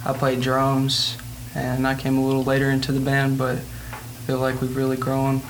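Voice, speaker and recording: A man's voice: mid-range voice, monotone, moderate pace, a little hiss or hum, low-quality recording. A young man, a drummer answering interview questions in a laid-back, matter-of-fact way. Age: young adult. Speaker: band drummer.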